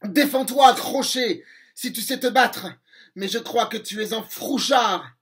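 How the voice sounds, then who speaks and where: A man voicing a brave, cocky boy hero in a children's storybook reading, with loud, high, taunting calls. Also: a little slow. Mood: defiant.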